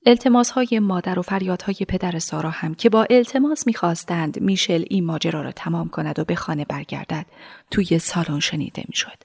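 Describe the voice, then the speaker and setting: Lady reading a story aloud, measured, sometimes near a whisper. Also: fairly low pitch, gravelly, darkish tone, slightly rough. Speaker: narrator. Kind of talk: storybook narration.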